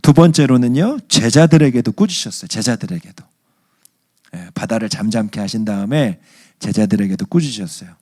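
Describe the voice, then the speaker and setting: A male pastor preaching a sermon at a church service, telling stories in an animated way. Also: on the low side, brisk. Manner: animated storyteller acting out scenes.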